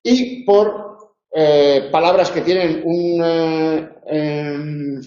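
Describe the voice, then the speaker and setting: This Spanish-accented man, a university tutor from Spain, has a fairly high pitch and a dark tone. Lecturing in a tutorial, he explains methodically, self-corrects and frequently checks in with quick tag questions. The room sounds large and slightly muffled.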